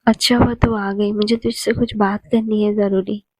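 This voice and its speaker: A woman voicing a gentle, loving middle-aged mother who speaks in a soft, hushed way. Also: mid-range voice, little pitch movement, normal speed, no echo, lightly acted, poor audio. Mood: worried.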